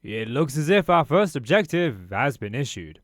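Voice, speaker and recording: Recorded dry with clean studio sound, a British YouTuber casually commentates on the strategy game he's playing, thinking out loud at a moderate pace. His mid-range voice swings widely in pitch and sounds slightly off after a throat infection.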